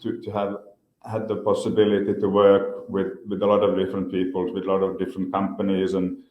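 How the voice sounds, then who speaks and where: A man's voice: low-pitched, completely flat delivery, fairly quick, highs cut off. A man in his fifties from Finland with a Finnish accent, answering interview questions hesitantly, with many repeated words and fillers. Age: 50s. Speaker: guest. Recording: echoey room.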